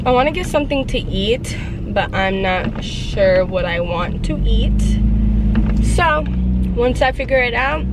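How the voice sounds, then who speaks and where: A woman's voice: a little high, very noisy. A young woman vlogging in casual chat from her car, talking straight to her viewers and saying "like" and "you guys" a lot. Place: in her car, driving around town.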